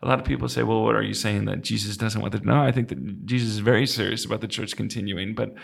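A man's voice: on the low side, fairly even intonation, rapid-fire, gravelly, slightly rough. A young adult man hosting an interview, talking in an earnest, conversational way with false starts. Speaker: podcast host. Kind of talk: casual interview talk.

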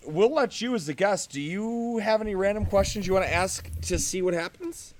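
A man's voice: high voice, moderate pace. A man hosting a casual podcast outdoors, joking and swearing through crude banter with friends. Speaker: podcast host. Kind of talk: casual chat.

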